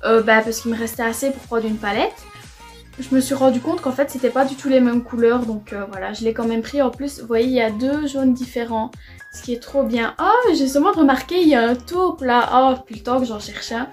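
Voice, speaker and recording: A woman's voice: a little high, a little fast, soft background music. A young woman casually chatting through a makeup try-on at home, enthusiastic and full of fillers. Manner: chatty, enthusiastic, repeats "franchement" often. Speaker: beauty vlogger. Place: home room near a window.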